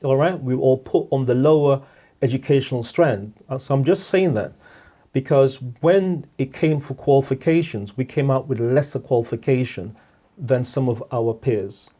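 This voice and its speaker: A middle-aged man from Guyana, guesting on a podcast, joins a reflective discussion with a mellow, medium-pitched voice. He is measured and repeats words, regularly checking in with "all right?".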